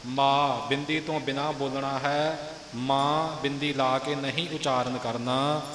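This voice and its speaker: A man's voice: mid-range voice, flat delivery, a little slow, fairly bright tone, echoey room, big-room sound, a little hiss or hum. A man teaching correct pronunciation of scripture, chanting a phrase and then explaining it. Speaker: recitation teacher. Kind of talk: pronunciation instruction.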